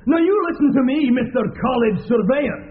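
Irascible, scolding, high-pitched student. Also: male voice, expressive, brisk. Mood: furious, scolding. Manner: scolding, blustering, indignant. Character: irascible scolding male student shouting through a door. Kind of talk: period radio drama acting. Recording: muffled, phone-like band-limited radio recording.

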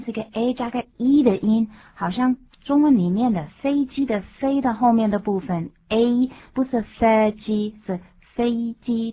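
A woman co-hosting a bilingual radio English lesson, saying phrases slowly and explaining pronunciation. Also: fairly high pitch. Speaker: English teacher co-host. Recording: phone-like lo-fi sound.

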